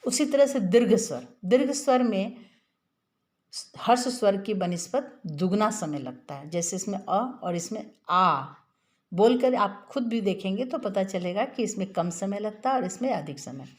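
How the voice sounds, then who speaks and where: A woman's voice: medium pitch, lively intonation, warm tone. Patient woman teaching grammar. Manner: patient, drawn-out demonstration of vowel sounds. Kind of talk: classroom lesson explaining grammar.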